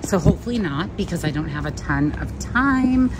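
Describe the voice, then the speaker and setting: A woman's voice: lowish voice, animated, normal speed, heavy background noise. A woman in her thirties, a lifestyle vlogger, giving chatty, upbeat and rambling narration of her day. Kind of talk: casual vlog narration.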